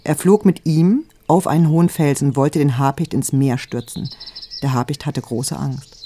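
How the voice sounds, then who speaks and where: Calm storybook narrator, mid-pitched, warm and mellow. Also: moderate pace. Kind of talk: storybook reading.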